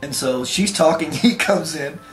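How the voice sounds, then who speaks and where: A man's voice: fairly high pitch, measured pace, reverberant, faint music behind. A man earnestly telling a first-person story, with emphatic conviction.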